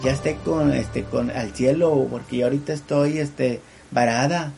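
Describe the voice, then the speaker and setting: A man voicing the ghost of a young woman, pleading softly and earnestly in a told story. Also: mid-range voice, fairly even intonation, moderate pace, gravelly, husky, soft background music.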